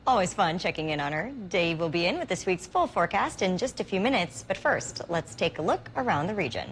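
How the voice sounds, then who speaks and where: A woman's voice: fairly low pitch, lively intonation, brisk, a little hiss or hum. A woman news anchor welcoming viewers back and reading friendly links between stories. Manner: friendly show host reading links and teases.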